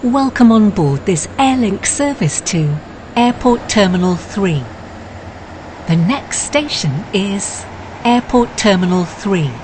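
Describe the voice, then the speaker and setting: A woman gives an automated train announcement in a calm, measured voice over the steady rumble of a train.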